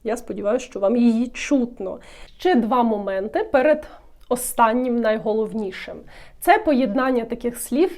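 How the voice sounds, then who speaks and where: Higher-pitched woman tutoring pronunciation. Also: darkish tone. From Ukraine. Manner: slow, clearly modelled example words. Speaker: French tutor. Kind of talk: language lesson.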